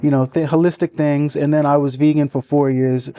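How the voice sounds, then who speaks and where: A man from the Bahamas tells his story to a television host in a relaxed, friendly way, chuckling often. His voice sounds warm and mellow, and the studio sound is close and dry. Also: a little high, brisk, no room sound. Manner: friendly, chuckles often, fillers like "you know". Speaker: entrepreneur guest. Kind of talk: casual interview storytelling.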